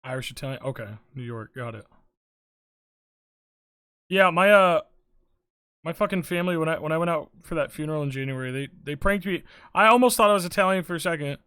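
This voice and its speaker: A streamer with a bright, forward voice at a middling pitch talks loosely to the chat during a late-night drawing session. The talk rambles and jokes, with free cursing and little hums in between. It is recorded at home in an ordinary room. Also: expressive, a little fast, long pauses, clean tone. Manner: rambling, joking, swears freely, talks to chat; hums to self while working.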